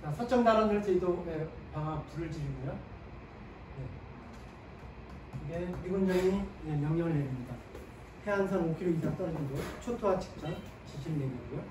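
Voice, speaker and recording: High-voiced man lecturing in an echoey room. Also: expressive, moderate pace. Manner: asks the class questions and answers them himself; sprinkles short "네" affirmations while explaining. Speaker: history lecturer. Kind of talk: classroom history lecture. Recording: echoey room, mic at a distance, faint ambient noise.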